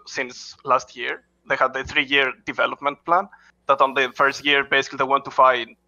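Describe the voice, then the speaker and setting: Here a head coach appears as an interview guest, answering casually. His voice is gravelly and bright, pitched in the middle, and his delivery halts with frequent restarts, many "uh" fillers, and non-native phrasing, all captured in lo-fi sound.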